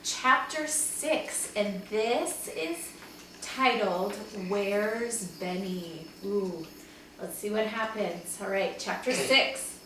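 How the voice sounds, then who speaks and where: Drawing out her words in a mid-range voice, a woman reads a children's chapter book to her class the way a second-grade teacher would. She voices the dialogue expressively and slips in asides, though the recording is echoey, distant, and marked by background noise.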